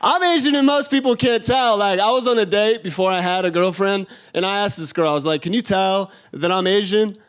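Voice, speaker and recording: A young man from working a stand-up set on a theater stage. His voice sits high for a man, and his delivery is laid-back. He tags punchlines with a casual "you know?". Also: brisk, hardly any pauses, a bit bright, smooth. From Chicago. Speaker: stand-up comedian.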